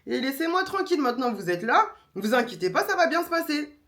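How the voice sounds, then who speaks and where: A young woman vlogger, telling a story in a casual, animated way and acting out the others. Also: sits high, quick pace. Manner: animated, slangy, acts out voices of others.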